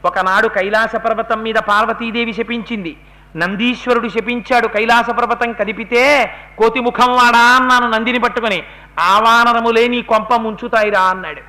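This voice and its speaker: A man's voice: extremely high pitch, steady tone, normal speed, pushed and bright. A man voicing a proud demon king. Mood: brooding. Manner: boastful, commanding storyteller's quotation. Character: proud defiant adult male demon king.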